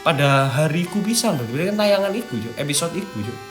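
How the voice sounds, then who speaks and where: With an East Javanese accent, a young male host moves between reading a script and dropping informal, slangy asides in casual chat. He talks fast with lively intonation in a higher register, while background music plays behind him.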